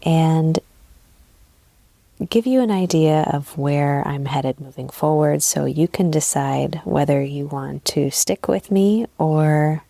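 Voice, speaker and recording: A low-pitched woman in her thirties, originally from Southern California, chats casually on her own podcast with a gravelly edge. She sounds soft-spoken, reflective and a little sleep deprived. She is recorded close and dry through old earbud headphones on her bed. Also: slow pace, no echo. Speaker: podcast host and relationship coach. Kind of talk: unscripted solo podcast chat. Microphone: old wired earbud headphones mic.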